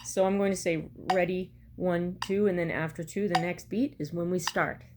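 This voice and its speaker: Lower-voiced middle-aged woman teaching music. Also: fairly even intonation, a little fast. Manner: step-by-step, counting out beats. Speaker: bagpipe practice chanter teacher. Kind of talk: instructional music lesson to camera. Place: small room at home, indoors. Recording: clear background noise, home recording. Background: metronome clicks at times, room noise.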